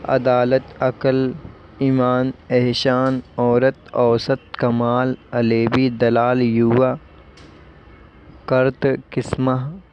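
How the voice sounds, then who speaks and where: A male YouTube exam-prep teacher slowly reading out lists of vocabulary words one by one. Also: medium pitch, completely flat delivery, highs cut off, a little hiss or hum. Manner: slow, listing words one by one.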